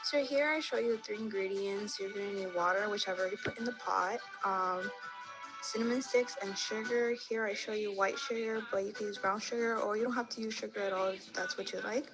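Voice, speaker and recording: A woman's voice: medium pitch, fairly even intonation, brisk, poor audio. Woman presenting an easy recipe over music. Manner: friendly, simple instructions. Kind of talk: home cooking demonstration. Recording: video with background music.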